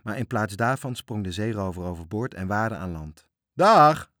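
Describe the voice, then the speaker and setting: Man, storybook narration, low voice, measured and expressive, dry close recording. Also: no room sound. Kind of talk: storybook reading.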